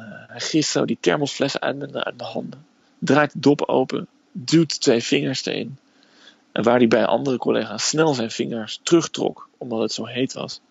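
Gravelly man telling a personal story. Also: mid-range voice, dull audio.

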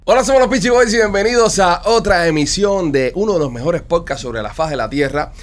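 Fast-talking podcast host, teasing. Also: male voice, sits high, animated. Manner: playful, teasing, jumps between topics. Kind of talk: casual podcast banter.

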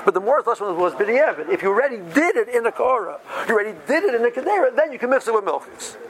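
A man's voice: very high voice, big pitch swings, racing, poor audio. A man teaches religious law. His delivery is informal, working through homely examples and tossing in short rhetorical questions as he goes. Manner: talks through everyday examples with rhetorical checks. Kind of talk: informal spoken lesson.

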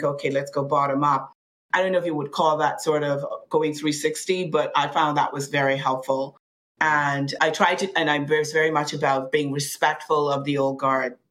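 A woman from the Bahamas speaking as a panel guest, earnest and measured, often restarting her sentences. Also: deep voice, fairly bright tone, poor audio. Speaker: panel guest, finance and blockchain official. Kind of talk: reflective panel answer.

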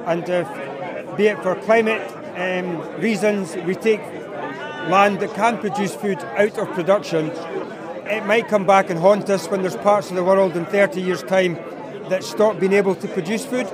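High-voiced Scottish farmer, hesitant. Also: male voice, fairly even intonation, moderate pace. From East Lothian, Scotland. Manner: hesitant, many fillers. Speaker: livestock and arable farmer. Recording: crowd chatter behind.

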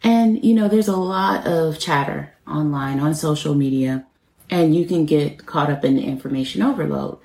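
A woman's voice: sits low, normal speed, warm tone. A woman in her forties hosting her own business podcast, talking in an encouraging, conversational way with many "you know" fillers. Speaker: podcast host and business coach. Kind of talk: motivational solo podcast talk. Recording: roomy echo.

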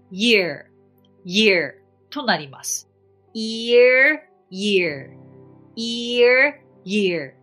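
Woman podcast teacher, very animated pitch, drills words with exaggerated repeats. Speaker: English teacher hosting a podcast. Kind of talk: podcast lesson on English pronunciation.

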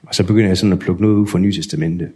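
Deep-voiced man telling his story. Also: steady tone, dark tone. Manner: candid, unhurried, acts out remembered dialogue. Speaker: guest sharing a testimony. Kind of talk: personal storytelling.

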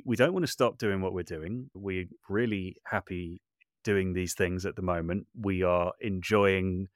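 A deep-voiced man, a composer and voice artist, chats casually as a podcast interview guest, self-deprecating and talkative but hesitant, often starting sentences over. The studio-quality recording has no echo.

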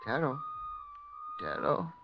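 A man's voice: on the high side, slow pace, gravelly, dull audio, over loud music. An actor playing a frail, despairing older male prisoner with a quavering voice in a radio drama. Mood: weary. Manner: fearful, quavering.

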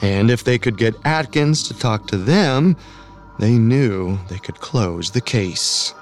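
A man narrating a true crime podcast in a measured, dramatic scripted style. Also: medium pitch, expressive, soft background music.

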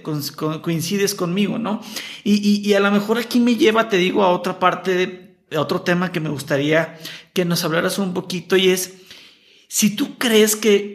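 Man, podcast host, high voice, reflective, friendly. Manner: friendly, reflective, calls guest "hermanito". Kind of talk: casual interview chat.

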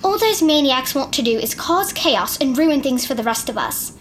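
A woman's voice: high voice, lively intonation, normal speed, a little hiss or hum. An actress playing a stern adult woman in authority who firmly scolds a young person. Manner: firm and scolding.

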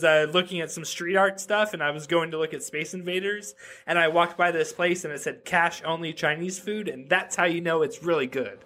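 A man's voice: fairly high pitch, sharp tone. A man in his thirties, a podcast guest talking loosely and casually, full of "like" and "right?" asides, over a video call. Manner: loose and chatty, heavy use of "like" and "right?". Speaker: podcast guest, web developer. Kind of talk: casual interview chat.

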